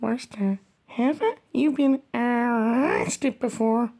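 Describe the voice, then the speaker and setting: A woman's voice: fairly high pitch, slow, warm tone. A woman in comic banter playing an eager, childlike servant, deferential yet teasing.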